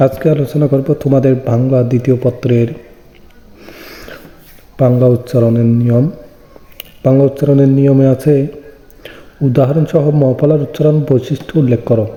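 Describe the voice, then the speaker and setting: A man's voice: medium pitch, flat delivery, moderate pace, pauses often, mellow. A man teaching an online exam-prep lesson, explaining step by step and answering his own questions. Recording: echoey room with long reverb.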